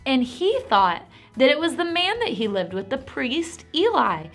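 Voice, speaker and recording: An animated woman teaches a Bible lesson to preschoolers and cheers them on. Her voice is high and swoops widely. Faint music plays behind her. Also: measured pace. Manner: animated and encouraging.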